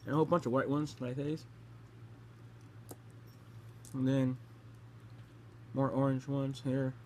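A young man talks casually to his phone camera while eating gross jelly beans. His voice sits at an ordinary middle pitch. The home recording has a faint noise under it. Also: little pitch movement, slow, a little mellow. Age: young adult. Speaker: vlogger hosting a taste challenge. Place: small bedroom indoors. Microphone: phone camera at arm's length.

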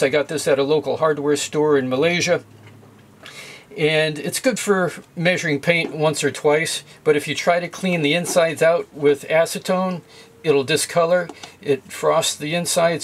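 Standing at the galley sink of a boat, a middle-aged sailing tutorial host walks through a hands-on demonstration. His voice sits on the high side, and he explains things plainly and methodically, sometimes using fillers. Slight background noise is present.

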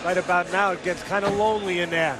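A man's voice: sits high, fairly even intonation, fast talker, music in the background. A man giving live boxing analysis on television. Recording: very loud arena crowd. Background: roaring arena crowd.

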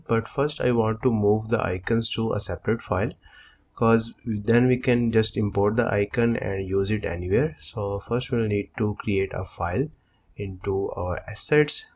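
A man's voice: fairly low pitch, darkish tone. A young man hosting a coding tutorial, explaining each step steadily over a screen recording.

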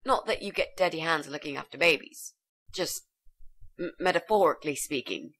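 A woman's voice: sits low, expressive, moderate pace, a bit bright, heavily acted. An actress voicing a bold, chatty young female student in a video game, speaking in a breezy, confident way. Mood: chirpy. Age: young adult.

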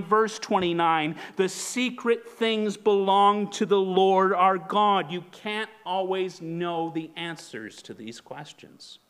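Man in his 30s preaching slow from the pulpit, kinda high voice, earnest questions to the room. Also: fairly bright tone, clear, resonant tone. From Canada. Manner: gestures broadly while leaning on the pulpit. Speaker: pastor. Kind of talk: sermon. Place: church sanctuary, at a pulpit. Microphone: pulpit microphone.

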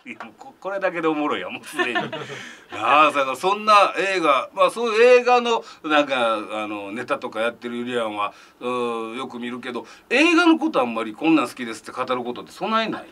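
Lively Kansai man hosting a chat. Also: mid-range voice, fast. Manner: chatty, laughing, lively teasing. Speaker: host. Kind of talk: casual comedy chat.

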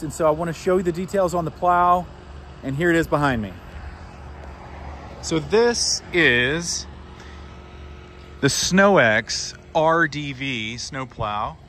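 A man's voice: a little high, a bit bright, a little hiss or hum. A man in his thirties giving a casual sales walkthrough outdoors in a sunny equipment lot, talking plainly with lots of fillers into a phone held at arm's length. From Missouri, USA. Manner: chatty, plainspoken, frequent fillers. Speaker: equipment dealer presenting a product. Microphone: phone camera held at arm's length.

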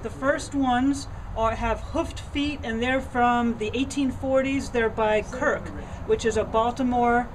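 A woman's voice: a little high, steady tone, slow, hardly any pauses, noisy background. A middle-aged woman giving an enthusiastic, conversational tour of silver pieces in an antiques shop, with fillers and restarts, recorded on a nearby camera. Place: indoor antiques shop among display cases.

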